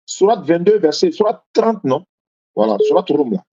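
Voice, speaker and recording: In a heated debate, a man whose first language is Malinke argues his faith, insistently repeating points and interrupting the other side. His high, warm voice is sing-song, swinging widely in pitch at a moderate pace. The recording sounds muffled and lo-fi.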